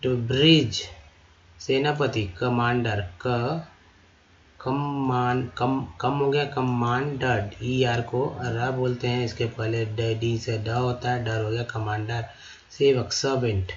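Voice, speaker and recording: A man teaching English vocabulary in a slow lesson, sounding out each word syllable by syllable and repeating it. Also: medium pitch, steady tone, muffled recording, slight background noise. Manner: repeats words syllable by syllable, addresses viewers as friends.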